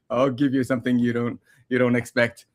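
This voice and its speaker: A man's voice: medium pitch, level tone, moderate pace. A man hosting a casual video podcast, teasing his guests and laughing often. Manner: playful, teasing, laughs a lot. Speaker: podcast host.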